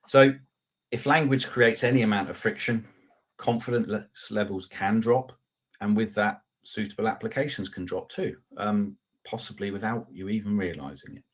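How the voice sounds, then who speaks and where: A middle-aged customer success manager presents a live product webinar with slides and screen share over a video call, picked up by a webcam mic. His fairly low voice moves at a moderate pace, conversational with polite asides, fillers and restarts.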